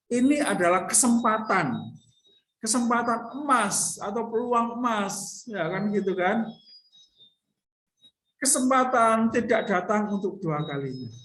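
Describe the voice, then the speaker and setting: A woman's voice: medium pitch, fairly bright tone, reverberant, a little hiss or hum, low-quality recording. A woman teacher telling a Bible story to a class of children, stopping often to check that they follow. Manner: retells the story and acts out the crowd's voices. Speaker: religion teacher.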